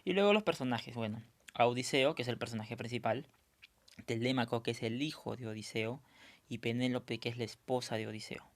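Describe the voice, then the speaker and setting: A man's voice: medium pitch, a little fast. Man teaching a review lesson. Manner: explanatory, frequent check-ins with students. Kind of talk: recorded review lesson for students.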